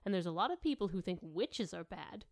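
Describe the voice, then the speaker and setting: A woman reading aloud as a stern, dry-witted old witch who talks in a calm, measured way. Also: lowish voice.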